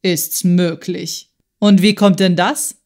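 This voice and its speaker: A woman's voice: on the low side, steady tone, slow pace. A woman voicing a hunted male fugitive. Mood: incredulous. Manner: hushed and secretive, turning pleading. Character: frightened male fugitive, middle-aged, pleading.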